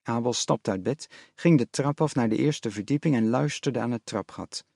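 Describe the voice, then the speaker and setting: A male audiobook narrator with a measured, even storytelling delivery. His voice sits in a middle register with a gravelly grain. The recording is dry and close, with no room sound. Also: medium pitch, no echo.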